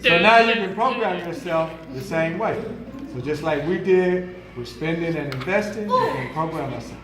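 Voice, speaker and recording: Playful high-voiced Southern man. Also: lively intonation, normal speed. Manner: playful, joking, quizzes the audience. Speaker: speaker teaching kids about money. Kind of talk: talk to a young audience. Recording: echoey hall with audience chatter.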